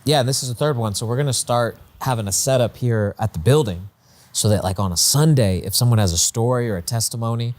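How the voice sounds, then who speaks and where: Host: man, medium pitch, dry close recording, informal preacher chatting and encouraging his guest. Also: fast, a little mellow, no echo. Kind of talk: casual chat and interviewing.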